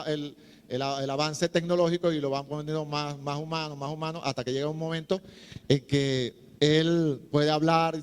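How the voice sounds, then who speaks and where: Middle-aged male preacher, chatty and humorous, resonant and slightly high, echoey hall. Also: clear, resonant tone. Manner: chatty, humorous, acts out voices. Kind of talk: sermon-style teaching talk.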